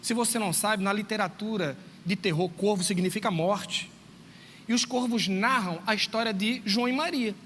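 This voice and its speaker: Lively male speaker with a high voice. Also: moderate pace. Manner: lively storytelling, acts out dialogue, addresses listeners directly. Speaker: teacher speaking to parents. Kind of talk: church talk to parents. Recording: long reverb, faint background noise.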